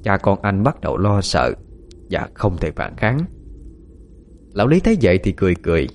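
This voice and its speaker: A man telling a dramatic ghost story in an expressive storytelling manner. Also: low voice, moderate pace, a little hiss or hum.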